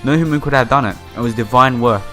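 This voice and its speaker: A quick-paced, mid-range voice with a fairly bright tone belongs to a let's player reading a visual novel out loud. He comments casually and trips over some words, and game music runs behind his voice.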